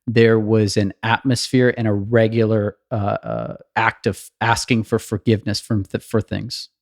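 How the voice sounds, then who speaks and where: A man in his thirties talking earnestly on a podcast, thinking out loud and often restarting sentences. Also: lowish voice, a little slow, gravelly, dry recording, studio quality. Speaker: podcast co-host. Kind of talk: casual podcast conversation.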